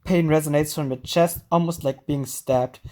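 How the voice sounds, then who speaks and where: A woman reading a visual novel's narration aloud in a steady storytelling manner. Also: low-pitched, normal speed.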